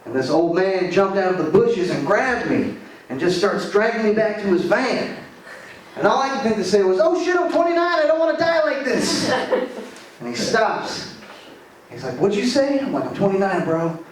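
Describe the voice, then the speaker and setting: A man's voice: high voice, very animated, normal speed. A man in his late twenties from Arizona doing a stand-up comedy set, rambling loosely with lots of filler words. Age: 20s. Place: comedy club stage. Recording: echoey room, voice from far off, audible room noise.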